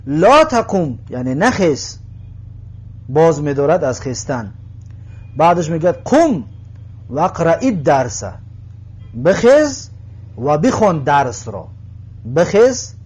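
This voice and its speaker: A man with a Tajik accent teaching an Arabic lesson, reading each word and repeating its translation slowly. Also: fairly high pitch, darkish tone. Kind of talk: recorded language lesson.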